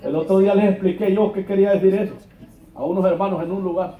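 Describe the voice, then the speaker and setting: A pastor from Honduras preaching a sermon in a church, colloquial and mocking, acting out quoted dialogue. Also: male voice, high voice, steady tone, fast. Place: church hall. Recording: echoey church, dull lo-fi sound.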